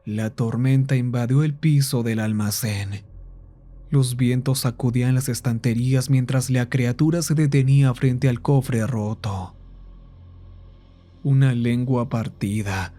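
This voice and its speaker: A man narrating a horror story in a scripted, measured style. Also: mid-range voice, dark tone. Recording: faint music underneath.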